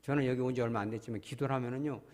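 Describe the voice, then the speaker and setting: A man's voice: mid-range voice, steady tone, rapid-fire. A man preaching a sermon as a pastor. He talks with emphasis, keeps asking the congregation questions, and his throat sounds strained after an illness. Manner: emphatic, asks congregation questions, sudden loud cries. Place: church sanctuary. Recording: long hall reverb.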